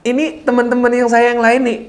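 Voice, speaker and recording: A man speaking as a guest preacher, telling his story in an animated way, swinging between low murmurs and excited high bursts and laughing as he goes. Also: fairly quick. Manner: laughs while telling stories. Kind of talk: storytelling interview talk.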